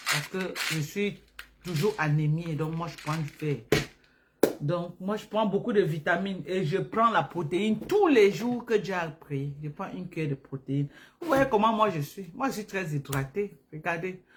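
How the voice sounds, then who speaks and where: A woman talking casually and emphatically to viewers on a phone live stream, repeating herself for emphasis. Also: fairly low pitch. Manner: animated, repetitive, emphatic, addresses viewers directly.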